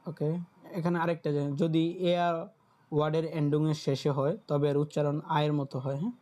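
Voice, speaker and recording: A man's voice: on the high side, flat delivery, fairly quick, dark tone. A man teaching a beginners' language class on a video call, patiently spelling out sounds and checking in with his students. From Bangladesh. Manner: patient, repeats words and checks in with listeners. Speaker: German teacher. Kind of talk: online class lesson.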